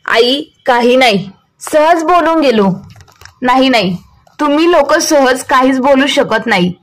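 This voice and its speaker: A woman voicing an elderly mother who speaks calmly and then presses her sons firmly for the truth. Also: high voice, a little slow. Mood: demanding. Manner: soothing, then firmly questioning. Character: calm, pleading elderly mother.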